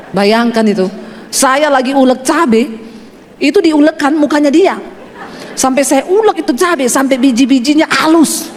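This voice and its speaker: A woman's voice: sits high, slight background noise. A woman from Sulawesi preaching a sermon. She tells stories in a chatty way and asks the congregation questions. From Sulawesi, Indonesia. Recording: reverberant hall.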